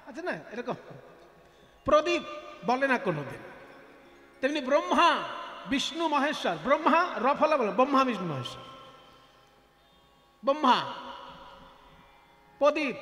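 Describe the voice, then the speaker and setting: A man delivers a devotional discourse in a very high, animated voice that swoops up and down. He asks his listeners questions, answers them himself and repeats words to drive the point home. The sound rings with long reverb in a big hall, with faint music behind. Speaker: kirtan singer and religious storyteller.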